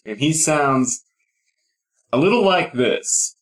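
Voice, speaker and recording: A man voicing a blasé teenage boy podcaster who reads along offhandedly and bursts into loud silly impressions. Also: fairly high pitch, lively intonation, slow pace. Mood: offhand. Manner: offhand, drawling, bursts into a shouty fake accent.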